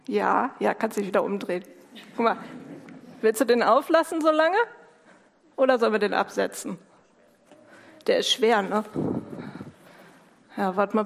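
A woman hosting an event, coaxing and chatting with children in a lively, warm manner. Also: mid-range voice, creaky, a little hiss or hum. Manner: warm coaxing, speaks to kids directly. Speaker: host of a school-start service. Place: large hall with a crowd. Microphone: handheld microphone. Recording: long hall reverb, crowd murmur.

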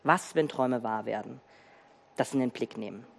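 A preacher giving a sermon, retelling a Bible story with emphatic, animated storytelling and pauses for effect. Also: mid-range voice, vocal fry. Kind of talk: sermon with dramatic Bible reading. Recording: reverberant church hall.

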